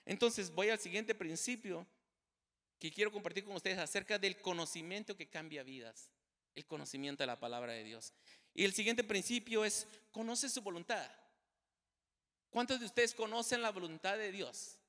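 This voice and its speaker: A man preaches to his congregation in a high, ringing voice, stressing and repeating his key lines. His words carry a long reverb off the walls of a church sanctuary. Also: normal speed, sharp tone. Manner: emphatic, repeats key phrases, addresses the congregation directly. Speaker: pastor. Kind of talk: preaching a sermon.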